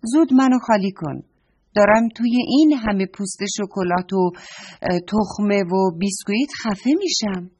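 A woman's voice: medium pitch, darkish tone, breathy edge, lightly acted. A woman voicing a fussy talking orange bag from a children's story that scolds and complains about being filled with litter. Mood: urgent.

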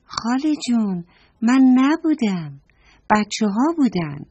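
A woman's voice: a little high, big pitch swings, darkish tone, dull audio, slight background noise, voice pushed up. A woman voicing a mischievous little village boy who pleads that he is innocent. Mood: pleading. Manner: pleading, defensive.

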